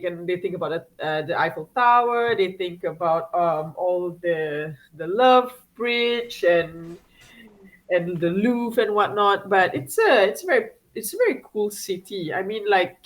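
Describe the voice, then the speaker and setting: A woman's voice: medium pitch, expressive, unhurried, poor audio. A woman talks as an interview guest in a loose, chatty way. She restarts sentences, stacks fillers and laughs often. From Singapore. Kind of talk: casual interview chat.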